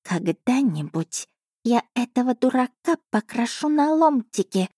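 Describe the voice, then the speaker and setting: A woman voicing a fierce, protective female cat familiar in an audiobook, speaking high and slow. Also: expressive, warm tone, no echo, clean studio sound.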